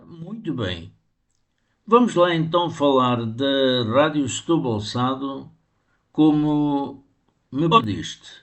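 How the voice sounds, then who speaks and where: An older man, a poet, giving measured, unhurried answers in a radio interview. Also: mid-range voice, expressive. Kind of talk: read-aloud interview answers.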